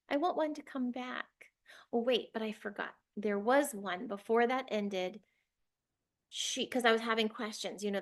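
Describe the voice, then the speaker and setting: A young adult woman speaks as a channeler recounting her own experience. Her talk is casual and wandering, packed with fillers and restarts. She turns openly emotional at times. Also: mid-range voice. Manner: rambling, filler-heavy, emotional. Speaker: spiritual channeler. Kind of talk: casual personal storytelling.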